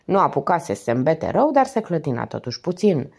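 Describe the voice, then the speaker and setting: A woman reading a novel aloud with expressive storytelling. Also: low voice, creaky, breathy edge. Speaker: audiobook reader.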